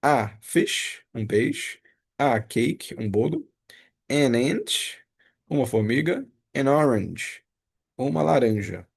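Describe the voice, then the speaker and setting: A man reviews lesson material in a slow, patient way, stepping through each example one at a time. His voice is gravelly and a little husky, and he talks at an unhurried pace. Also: mid-range voice, big pitch swings. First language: Portuguese. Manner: patient, explains step by step, repeats examples. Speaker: teacher. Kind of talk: casual exam review lesson.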